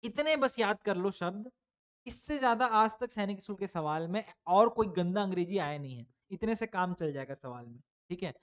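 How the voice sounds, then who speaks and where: A man's voice: high-pitched, expressive, moderate pace, dull audio. Chatty man teaching children. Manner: asks students questions and answers them himself; chatty, addresses pupils as "beta". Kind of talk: online exam-prep lesson for children.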